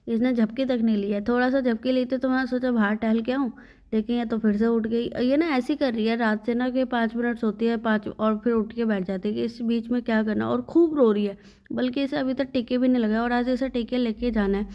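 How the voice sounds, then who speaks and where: A woman's voice: fairly high pitch, fairly even intonation, brisk, warm tone. A young woman vlogging her day at home with her baby, weary and short on sleep, talking to the viewer about her aches and troubles. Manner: weary, complaining, talks to the viewer. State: sleep-deprived and in pain. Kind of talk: casual vlog narration. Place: at home, by the front door.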